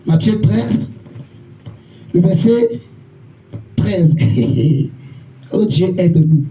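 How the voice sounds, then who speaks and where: A man's voice: sits high, expressive, very slow, warm tone, a little hiss or hum. A man preaching a sermon as an evangelist, repeating his points and checking with the congregation through questions. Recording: echoey church hall, faint music.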